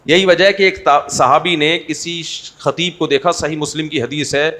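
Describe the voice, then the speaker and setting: A man's voice: a little high, fairly even intonation, sharp tone. A man preaching an Islamic sermon in a conversational, humorous way, asking the audience rhetorical questions. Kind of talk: Urdu sermon.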